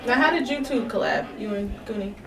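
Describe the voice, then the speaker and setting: A woman co-hosting a casual interview, bubbly and laughing often as she asks quick questions. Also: on the high side. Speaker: co-host. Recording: roomy echo, distant mic, loud crowd behind.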